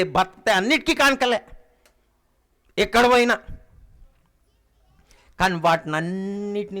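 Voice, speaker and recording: A middle-aged man preaching a sermon, emphatic, swinging between loud exhortation and quiet low asides and calling out questions to the congregation.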